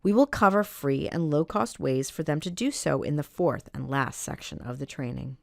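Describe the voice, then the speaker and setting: A woman giving a scripted training narration for librarians, reading do's and don'ts in a measured, instructional way. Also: deep voice, gravelly, a little mellow, no echo, clean studio sound.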